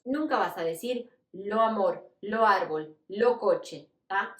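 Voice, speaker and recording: A young woman with a Latin American Spanish accent, a teacher patiently explaining grammar and pronunciation with many repeated examples in an online language lesson. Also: mid-range voice. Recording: echoey room.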